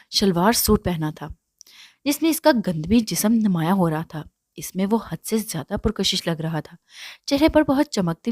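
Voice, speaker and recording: A woman reads a romance novel aloud in a steady, even manner. Her voice sits at an ordinary middle pitch. The recording is dry and close, with no room echo. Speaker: narrator.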